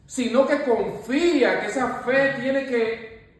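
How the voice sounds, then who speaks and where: Man, bible study speaker, emphatic and repetitive, high voice, heard far off in a roomy hall. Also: slow. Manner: emphatic, repeats phrases, often turns to the pastor. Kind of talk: preachy teaching. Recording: echoey room, far from the mic.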